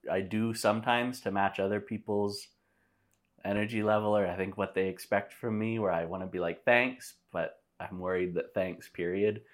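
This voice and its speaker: A man's voice: lowish voice, fairly even intonation, normal speed. A man chatting casually on a podcast, rambling and hedging with lots of "like".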